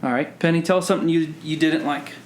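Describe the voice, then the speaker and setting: A woman with a strikingly deep, low voice hosts a casual family movie-review chat. She talks quickly and guides each turn with steady, structured questions. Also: slight background noise. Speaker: podcast host and parent.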